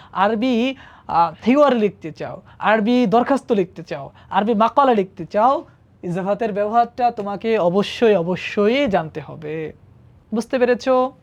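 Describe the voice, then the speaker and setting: A woman's voice: mid-range voice, dull audio. A woman teaching Arabic grammar to students in a classroom-style lesson, patiently asking them questions and checking that they follow. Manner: patient, asks the class questions and often checks with "ঠিক আছে?".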